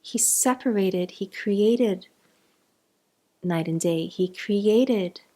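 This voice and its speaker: A woman's voice: mid-range voice, extremely slow, dark tone. A woman with a South African accent giving an informal Torah class, chatty and digressive, mixing in Hebrew terms. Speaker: Torah teacher.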